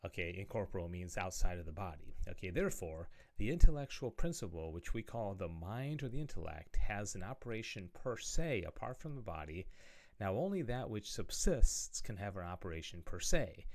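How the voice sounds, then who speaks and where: A man's voice: low-pitched, big pitch swings, moderate pace, darkish tone. A man giving a conversational video lecture on theology, often checking in with "okay?" and "right?" as he explains passages he reads aloud. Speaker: religious studies teacher.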